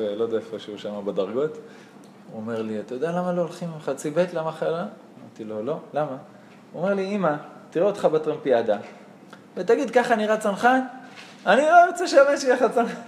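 A young man giving a Torah lesson, telling army and rabbi stories with acted-out dialogue and frequent laughter. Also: medium pitch. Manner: animated, acts out dialogue, laughs often. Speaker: Torah teacher. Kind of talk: lively storytelling lesson. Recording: echoey room with faint noise.

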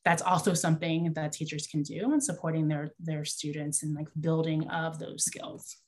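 A woman's voice: low voice, normal speed. A woman who founded a school, talking casually and animatedly, with frequent laughs and fillers. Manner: animated, chatty, laughs often, many fillers. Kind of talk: casual conversation.

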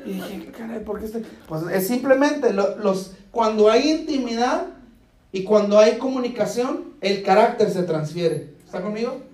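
This preacher's voice sits high with a darkish tone and lively intonation, and his pace is measured. During his sermon in an echoey church hall, he repeatedly asks "¿Está conmigo?" and plays out short, funny exchanges.

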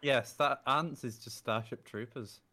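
A man's voice: medium pitch, measured pace, bright, forceful tone. A man co-hosting a casual podcast, trading playful jokes and banter. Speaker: podcast co-host. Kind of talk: casual chat.

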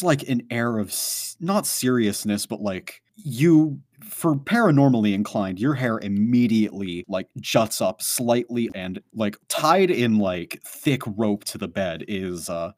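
Man, game master, lively up-and-down delivery, lots of fillers, dry close sound. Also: mid-range voice, no room sound. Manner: rambling, full of "like" and "um". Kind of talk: narrating a tabletop game.

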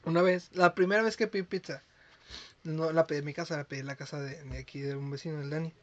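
Young Mexican man, high voice, casual slangy podcast co-host, muffled recording. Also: fairly even intonation, a bit bright. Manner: joking, quick slangy storytelling. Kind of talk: casual chat. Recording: dull lo-fi sound.

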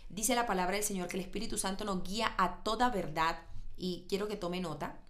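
A woman's voice: mid-range voice, a little fast, a bit bright. A woman preaching a sermon, building emphasis through repeated phrases and asking and answering her own questions.

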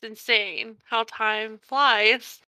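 A woman's voice: fairly high pitch, steady tone, slow pace, bright, forceful tone, no room sound. A young woman co-hosting a podcast in casual chat, rambling and correcting herself as she goes, often laughing. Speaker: podcast co-host.

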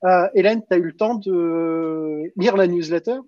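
A man's voice: high-pitched, a little slow, dry recording, lo-fi sound. A man hosting a casual live stream, chatty and stumbling over restarts while greeting viewers.

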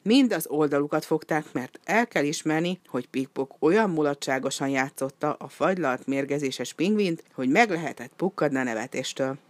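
A woman reading a children's story aloud in an expressive, lively way. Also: low-pitched, hardly any pauses, no echo.

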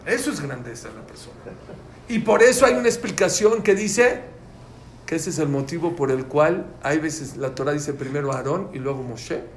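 Here a man's fairly high, expressive voice moves at a normal speed as he leads students through a religious lesson. He drives his points home emphatically, repeats the key phrases, and quizzes the class, all in an echoey space with a faint hum of noise.

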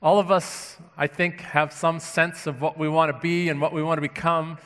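Man, pastor, stuffy nose from a cold, sermon, earnest and conversational, slightly high voice, reverberant church hall. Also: flat delivery, moderate pace, a bit bright. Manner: earnest, conversational preaching with frequent restarts. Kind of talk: sermon with opening prayer. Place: church sanctuary.

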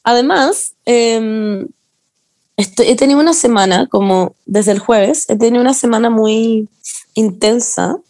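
A woman's voice: on the high side, a little slow, a little mellow, no room sound. A young adult woman with a Chilean accent, chatting casually and rambling with lots of slang as a podcast co-host. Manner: slangy, rambling, laughs often. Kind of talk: casual chat among friends.

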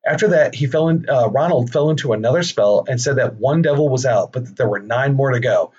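A man's voice: medium pitch, fairly quick, darkish tone, breathy edge. Profane jokey young man telling stories. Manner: profane, jokey asides, frequent laughs. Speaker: podcast host. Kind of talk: casual comedic storytelling. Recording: dull lo-fi recording with faint noise.

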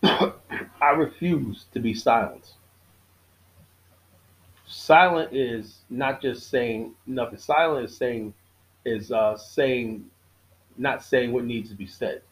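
On his own podcast, a middle-aged man gives a casual monologue with a preachy edge, often stopping and starting again and repeating key lines to stress them. He has a mid-range voice, and the audio quality is poor.

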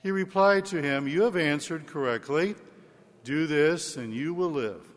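Slow priest in a cathedral-like echo. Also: male voice, on the high side. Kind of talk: liturgical Gospel reading and homily. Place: large reverberant church. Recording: echoey cathedral-like hall with long reverb.

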